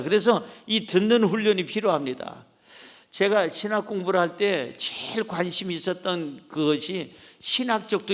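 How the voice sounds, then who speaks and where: A male pastor preaching a sermon with emphatic delivery, acting out short quoted voices. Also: sits high. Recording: long church-hall reverb.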